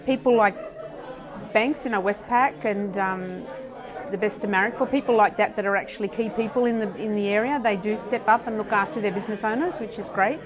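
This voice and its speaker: A woman's voice: medium pitch, brisk. A woman, a local business owner, talking in a rambling way with many restarts in a street interview. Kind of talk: vox pop interview. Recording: street crowd noise behind.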